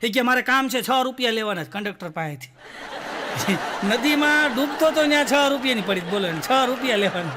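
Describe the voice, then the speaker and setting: A man's voice: extremely high pitch, lively intonation, brisk, noisy background. A man with a Gujarati accent telling stand-up jokes, acting out the characters in his stories and laughing through the punchlines. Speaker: stand-up comedian.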